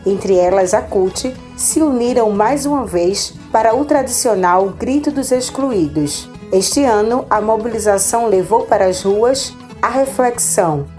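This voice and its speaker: A woman with a Pernambuco Brazilian accent hosts a podcast, reading her script in a steady way. Her tone is mellow and even, with faint music beneath. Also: mid-range voice. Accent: Pernambuco Brazilian Portuguese. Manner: steady, read-aloud delivery. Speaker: podcast host.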